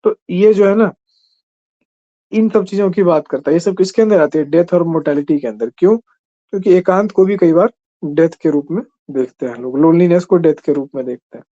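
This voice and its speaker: Man lecturing in a mellow voice. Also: on the high side, a little fast, muffled recording. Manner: conversational, keeps asking "ठीक है?". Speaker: teacher. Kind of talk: exam-prep lecture.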